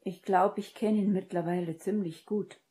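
A woman's voice: mid-range voice, fairly even intonation, moderate pace, warm tone, voice pushed up, lightly acted. A woman reading an audiobook and voicing a serious young man who speaks in a firm, commanding way.

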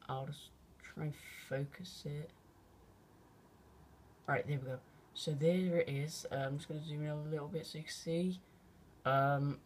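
Excitable young guy rambling. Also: on the high side, a little hiss or hum. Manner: rambling and excitable, full of fillers and casual slang. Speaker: vlogger. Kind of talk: excited off-the-cuff phone commentary. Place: at home by an open window at night. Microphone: phone held out of a window.

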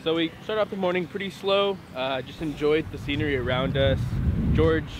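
A man in a casual travel vlog, relaxed and quick to laugh, outdoors on a beach. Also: fairly high pitch, very noisy. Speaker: travel companion.

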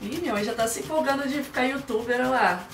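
A woman's voice: sits high, quick pace. A woman in her thirties chatting casually and joking at her own expense in a cooking vlog, filming herself with a phone at arm's length in a home kitchen. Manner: chatty, joking, self-mocking. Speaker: vlogger. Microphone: phone held at arm's length.

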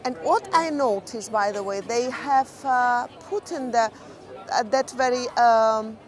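A woman's voice: on the high side, unhurried. A woman co-hosting a travel vlog, chatting casually and searching for words as she walks along a busy outdoor harbour at night. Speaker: vlog co-host. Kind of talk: casual chat while walking. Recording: noisy crowd behind. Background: crowd chatter.

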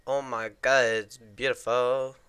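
A man chatting casually with a friend while playing a video game, teasing and quick with remarks. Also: medium pitch, little pitch movement, pushed and bright, clear, resonant tone. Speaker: gamer. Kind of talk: casual gameplay chat.

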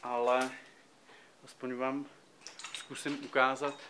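Filmed close on a handheld camera, a man in his twenties vlogs through an abandoned hotel, indoors and on rooftops, offering loose, slangy walk-through commentary as an urbex creator. His mid-range voice stays fairly level in pitch and sounds pushed and bright, with a little hiss or hum.

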